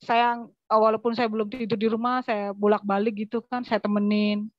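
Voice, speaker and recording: A woman's voice: mid-range voice, flat delivery, moderate pace, no room sound, muffled recording. A woman from West Sumatra giving an earnest church testimony, often turning to address her listeners directly. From West Sumatra, Indonesia. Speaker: testimony speaker.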